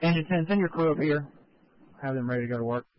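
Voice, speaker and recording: A man's voice: a little high, fast talker, dull audio. A man acting as incident commander, giving short directives over a two-way radio. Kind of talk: directive fire radio traffic.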